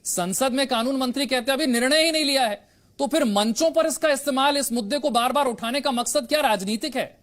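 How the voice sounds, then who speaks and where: High-voiced male news anchor. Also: fairly quick, a bit bright. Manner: pressing, questioning. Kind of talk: news presenting and debate moderation.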